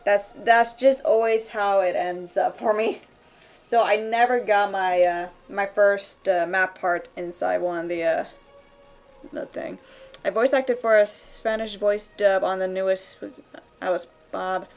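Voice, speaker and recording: A woman streamer chatting casually while she draws, rambling with many fillers and quick laughs. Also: medium pitch, fairly even intonation. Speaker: streamer drawing live. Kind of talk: casual chat while drawing. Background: faint background music.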